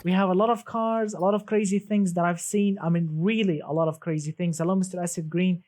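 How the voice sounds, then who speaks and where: A man's voice: sits high, steady tone, brisk, a little mellow. A man hosting a casual gaming live stream, chatty and enthusiastic, greeting viewers and reading the chat aloud.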